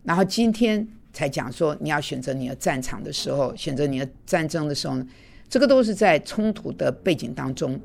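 A woman's voice: low-pitched, animated, a little fast, vocal fry, a little mellow, slight background noise. A woman teaching an online Bible class, earnest and conversational, slipping in English words now and then.

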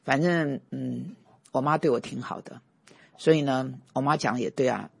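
A middle-aged man, a pastor and teacher telling personal stories in a conversational sermon, emphatic and given to forceful bursts. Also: medium pitch, normal speed, creaky, husky, no echo.

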